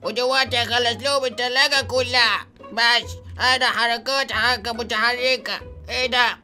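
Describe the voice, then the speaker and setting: A man playing a bright-voiced vengeful Egyptian ghost. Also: extremely high pitch, fairly even intonation, moderate pace, exaggerated voice. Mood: taunting. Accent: Egyptian Arabic. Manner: boastful, taunting, greedy glee. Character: mischievous vengeful male ghost, hurt leg. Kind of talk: game-video role-play. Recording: faint music behind.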